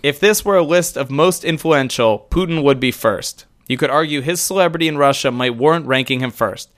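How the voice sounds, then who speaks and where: A podcast co-host with a slightly high, somewhat bright voice rambles through lists on a casual show, laughing frequently and swearing now and again.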